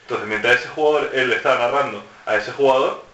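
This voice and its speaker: Blunt dude cracking crude jokes on a podcast, bright voice, echoey far mic. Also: male voice, medium pitch, a little fast. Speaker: podcast co-host. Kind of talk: casual roundtable chat. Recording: roomy, distant, dull lo-fi mic.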